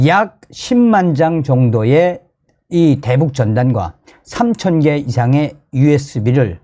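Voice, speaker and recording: A man from North Korea with a North Korean accent, delivering news commentary to viewers in an emphatic, excitable way and often repeating his phrases. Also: mid-range voice. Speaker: host of a commentary channel.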